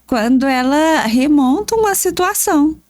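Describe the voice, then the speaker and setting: Brazilian lady therapist on a podcast, kinda high voice, dry close sound, acts out little dialogues. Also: a little slow, no echo. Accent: Brazilian Portuguese. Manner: animated storytelling, acts out dialogues with her children. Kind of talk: casual podcast chat.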